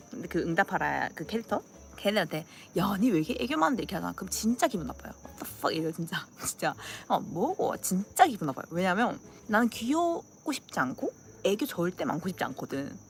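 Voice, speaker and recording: Young woman, Gyeongsang accent, chatty channel host, very expressive pitch, faint background hiss. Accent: Gyeongsang dialect. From Gyeongsang region, South Korea. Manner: animated, acts out dialect lines, laughs often. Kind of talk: casual chat with viewers.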